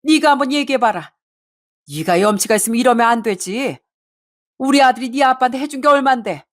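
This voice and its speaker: A woman voicing a greedy, nagging older mother-in-law who drawls her complaints slowly and guilt-trips. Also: high-pitched, lively intonation, pitched above the performer's own voice. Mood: shrill scolding. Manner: slow, drawn-out, whining guilt-tripping.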